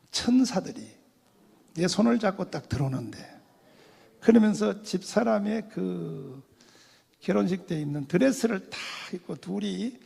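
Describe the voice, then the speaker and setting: An older man giving a testimony sermon as a pastor, telling his story in an animated way, acting out quoted voices and laughing often. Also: high-pitched, vocal fry, slightly rough. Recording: long hall reverb.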